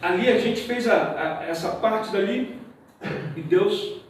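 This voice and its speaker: A man with a Brazilian accent giving a testimony to a church congregation, telling his story in a lively way and acting out the dialogue. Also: sits high, slow pace, slight background noise. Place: church hall. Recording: very echoey hall, mic far off.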